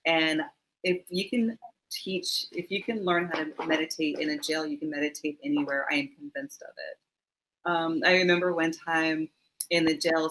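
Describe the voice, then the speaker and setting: A woman's voice: deep voice, low-quality recording. A middle-aged woman, a mindfulness teacher, answering interview questions with laughing asides and acted-out quotes over a video call. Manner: warm laughing asides, acts out quoted voices.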